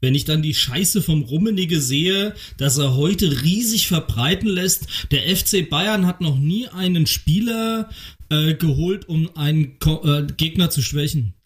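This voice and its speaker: A man's voice: on the high side, expressive, unhurried. Indignant man on an escalating comedy rant. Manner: indignant, sarcastic, escalating comic ranting with crude swearing. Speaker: co-host of a football talk show. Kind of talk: casual football chat turning into a comedic rant.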